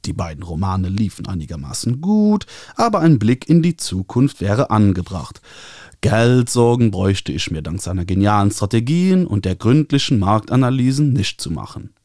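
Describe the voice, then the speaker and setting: Lebhafter Autor mit luxemburgischem Akzent. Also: male voice, on the low side, normal speed, no room sound, clean studio sound. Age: 30s. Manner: lively reading, hesitant when answering. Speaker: author. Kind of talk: reading from his novel and interview answers.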